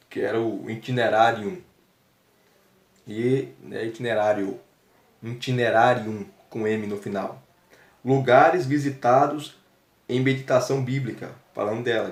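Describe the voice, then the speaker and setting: A male teacher reviewing a book, slowly reading out its chapter headings with fillers and asides. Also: mid-range voice, reverberant. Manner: slow, listing chapter headings with frequent fillers.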